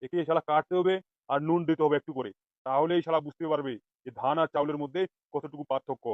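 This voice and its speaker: A man voicing a vengeful male politician in a comic cartoon, spitting out rapid threats at his captive. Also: fairly high pitch, steady tone, no room sound, muffled recording. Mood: menacing.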